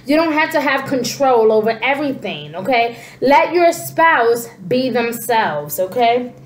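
A tarot reader with a stuffy, congested nose gives a casual spiritual reading to camera in a small indoor room. Her voice is high and a little slow, she gestures animatedly, and she often says "you know" and "okay." The camera sits at desk distance, and the room sounds echoey.

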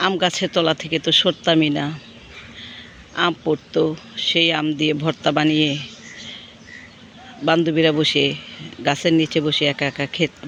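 A hoarse woman with a cold, hosting a gardening vlog and gently telling nostalgic childhood stories from her rooftop garden outdoors. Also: sits low, slight background noise. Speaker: gardening channel host. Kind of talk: casual reminiscing vlog.

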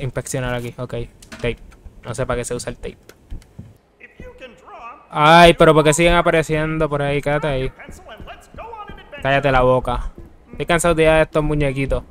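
A man commentating his own horror gameplay for his channel, talking straight to his viewers. He is excitable and quick to break into yelps and shouts. He is recorded close on a desk microphone. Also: fairly high pitch. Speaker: gaming channel host. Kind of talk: Let's Play commentary.

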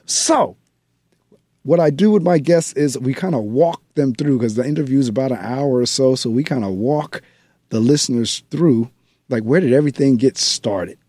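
Speaking straight to his audience from the studio, a radio book show host keeps things chatty and conversational during a radio interview. He has a mellow, mid-range voice at a normal speed, recorded with no echo.

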